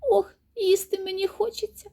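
A woman voicing a pair of lazy, playful little mice in a storybook tale, with high, squeaky, piping voices. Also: fairly even intonation, moderate pace, creaky, dark tone.

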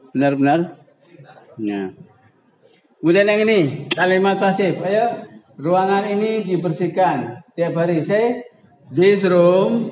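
Male teacher, slightly high voice, unhurried drilling of example sentences. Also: darkish tone, rough recording. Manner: slow, drawn-out example sentences with prompting calls. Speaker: English teacher. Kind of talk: classroom grammar lesson.

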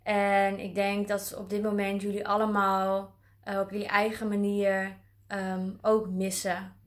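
A woman working as a spiritual caregiver, speaking gently and hesitantly with many fillers as she introduces and reads a children's story. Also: medium pitch, monotone, unhurried. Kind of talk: vlog intro and reading a children's story aloud.

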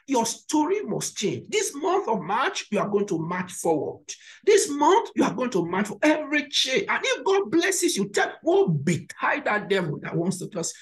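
A woman's voice: medium pitch, rough recording. A woman pastor preaching a sermon, exhorting the congregation with repeated words and direct questions. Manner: exhorting and encouraging.

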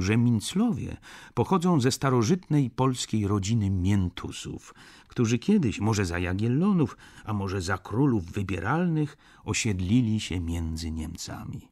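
A man reading a classic novel aloud as an audiobook with expressive narration. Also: lowish voice. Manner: expressive storytelling. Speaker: audiobook reader. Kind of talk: scripted narration.

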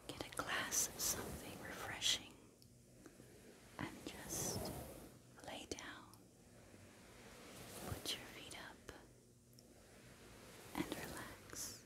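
A woman's voice: drawn-out words, pauses often. A woman in her thirties giving a soothing, reassuring whispered ASMR pep talk, lying down close to the mic in a small room. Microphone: close to the camera, within arm's reach.

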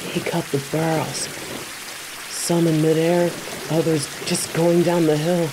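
A woman's voice: deep voice, little pitch movement, unhurried. Woman acting as commanding tigress master, noisy backdrop. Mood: focused. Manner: wry, commanding, matter-of-fact. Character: stern, confident tiger kung fu master woman. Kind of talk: scripted audio roleplay. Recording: clear ambient sound effects behind voice.

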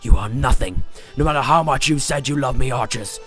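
Guy doing a sneering trickster god, loud and showy, some game music behind. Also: medium pitch, fairly quick, natural voice. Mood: scornful. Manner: haughty, theatrical declaiming. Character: arrogant scornful male trickster god.

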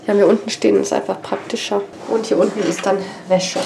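Walking through her family home with an action camera at arm's length, a family vlogger with a cold chats and points things out. Her medium-pitched, creaky voice moves fast with fairly even intonation, and the background is noisy.

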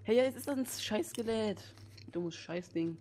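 A woman's voice: medium pitch, animated, moderate pace. Grumbling, cursing gamer woman, faint noise. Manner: loud, complaining, swears a lot. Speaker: gamer playing with a friend. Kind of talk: casual let's-play chat.

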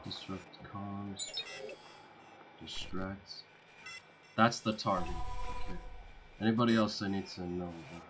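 A man's voice: low-pitched, fairly even intonation, slow, long pauses. A man giving casual let's play commentary in brief, laid-back remarks. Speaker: gamer, let's play host. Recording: game noise behind voice.

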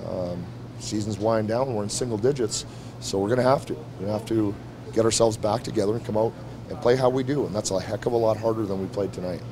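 Speaking fast in a lowish voice against a noisy background, a middle-aged head coach fields questions at a postgame press conference. Several handheld mics are held close to him in the arena press room, with a team backdrop behind, and he answers frankly and bluntly, going over the same points again.

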